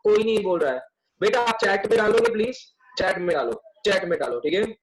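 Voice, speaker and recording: Online tutor, young man, high voice, chatty and teasing. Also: animated, fairly quick, rough recording. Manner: chatty, teasing, coaxing students. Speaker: commerce tutor. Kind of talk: live online class.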